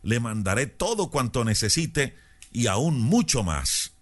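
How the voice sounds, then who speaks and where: A man's voice: mid-range voice, sing-song, unhurried. A man voicing a tender, moved father. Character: moved father pitying his son.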